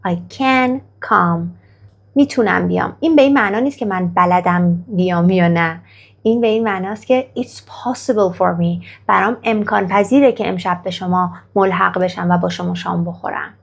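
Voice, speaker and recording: A woman teaching an English grammar lesson, with a gravelly edge to her voice. She pronounces example sentences slowly and deliberately, then explains them and encourages the listener after each practice line. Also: fairly low pitch. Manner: slow, careful model sentences in English, then Persian explanation; coaxing, praises the viewer after each exercise.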